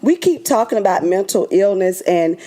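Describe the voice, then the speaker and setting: A woman's voice: mid-range voice, expressive, moderate pace, warm tone. A woman co-hosting a casual talk show, blunt and profane, cracking jokes and laughing as she talks. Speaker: co-host. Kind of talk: casual chat.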